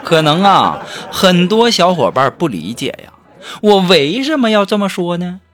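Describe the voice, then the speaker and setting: A comedic storyteller delivers a humorous monologue of funny stories and jokes, playful, teasing and chatty. His voice sits high and is very animated at a moderate pace, with background music behind him.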